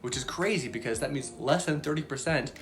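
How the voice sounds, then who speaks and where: Soft music plays behind a woman whose extremely low-pitched voice moves briskly. She hosts a casual children's Bible lesson in a chatty, bubbly way full of fillers.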